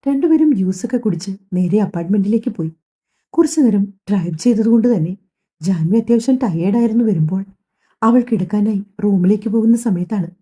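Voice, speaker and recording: A woman tells a family drama as an audiobook, in a calm, even storytelling voice. Her tone is very dark and mellow, with a slight breathy edge. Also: mid-range voice. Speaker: audiobook narrator. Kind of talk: scripted story narration voicing all characters.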